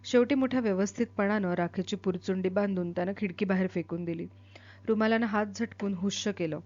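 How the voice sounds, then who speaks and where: A woman's voice: mid-range voice, darkish tone, muffled recording. Woman reading a novel over faint music. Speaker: narrator.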